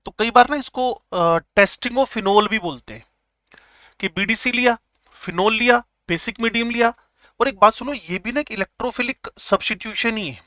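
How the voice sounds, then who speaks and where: A man teaching chemistry in a lecture, joking with students and repeating key terms slowly. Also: high voice, sharp tone, dry recording, clean studio sound. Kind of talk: classroom lecture.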